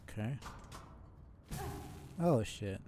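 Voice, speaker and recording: A man streams himself playing a video game live, giving casual commentary as he thinks aloud and occasionally swears. His voice is lowish and expressive, he speaks very slowly, and there is faint background noise.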